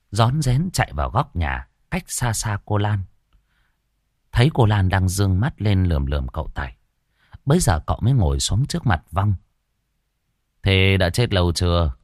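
Lively low-voiced man narrating a horror story. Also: moderate pace, no echo, studio quality. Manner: lively, colloquial and earthy.

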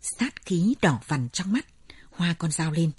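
A woman narrating a story in a measured, dramatic storytelling manner. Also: lowish voice, lively intonation, darkish tone, breathy edge, no room sound.

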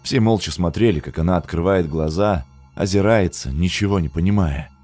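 A man narrating an audiobook story in an even, storytelling manner. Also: low-pitched, moderate pace, faint music behind.

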